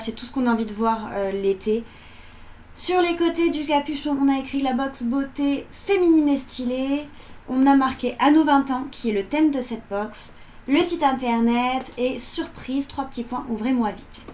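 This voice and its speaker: A woman in her early twenties chatting informally as she presents beauty products in a casual vlog review. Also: sits high. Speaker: beauty box unboxing vlogger. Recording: electric fan noise in background. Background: whirring electric fan.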